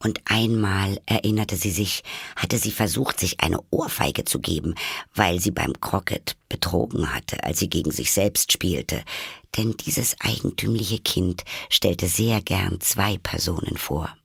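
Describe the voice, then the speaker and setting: A man narrating a classic children's story in a measured storytelling manner. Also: sits low, gravelly, fairly bright tone, husky, no room sound, clean studio sound. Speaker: audiobook narrator.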